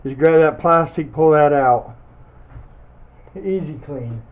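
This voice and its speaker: A man with a fairly high voice speaks slowly as he tears down scrap metal for a tutorial. He's casual and folksy, muttering under his breath as he works. Loud background noise and a muffled, phone-like quality mark the recording.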